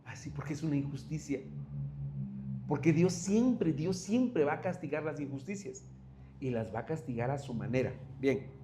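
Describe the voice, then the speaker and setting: A man delivers a sermon in a high-pitched voice. He tells stories and keeps putting rhetorical questions to his listeners. The sound is echoey, as if from a large, reverberant room. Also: expressive, normal speed, warm tone, a little hiss or hum. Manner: storytelling with rhetorical questions to the congregation. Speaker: preacher.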